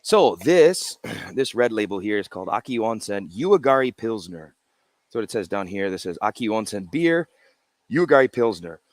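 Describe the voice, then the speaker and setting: A man's voice: on the low side, big pitch swings, moderate pace, dry recording. A man, a brewery co-founder, chatting casually as an interview guest and explaining his beers. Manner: explains while showing cans, loose and chatty. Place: brewery in a Japanese spa town.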